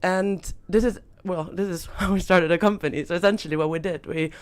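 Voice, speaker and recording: A woman's voice: on the low side, fairly even intonation, brisk. A young woman from Austria, a startup founder talking as a podcast guest, thoughtful with many fillers and restarts. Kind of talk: podcast interview. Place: podcast studio.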